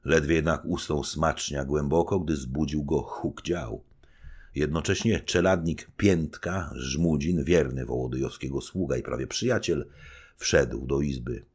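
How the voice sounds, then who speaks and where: A man narrating a classic novel as an amateur audiobook reader, with expressive intonation. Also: extremely low pitch, a little slow, husky.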